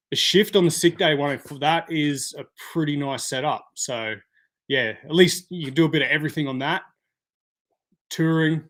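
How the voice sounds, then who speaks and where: Man, live stream host, casual chat, answers comments, somewhat high pitch. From Australia. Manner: chatty, answers viewer comments by name.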